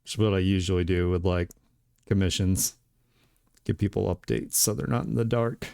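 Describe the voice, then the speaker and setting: A man's voice: sits low, fairly even intonation, moderate pace, vocal fry, mellow, clean tone, dry recording, studio quality. A man streaming his digital art and chatting casually, laid-back and rambling, with lots of laughter and filler words. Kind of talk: casual chat while drawing on stream. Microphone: desk mic with webcam.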